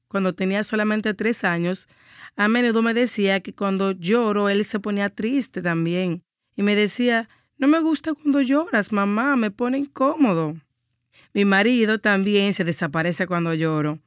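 This is a woman in her thirties teaching a Bible study, moving between scripture reading and her own explanation. She speaks in an earnest, measured way and slows down to stress what matters. Her voice sits at an ordinary middle pitch and is recorded dry and close, with no room echo.

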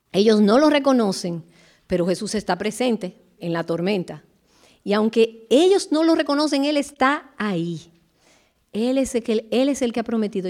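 Woman teaching the bible, earnest, warm voice, slows way down to stress words. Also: on the high side. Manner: earnest, with slow emphatic pauses. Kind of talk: devotional teaching.

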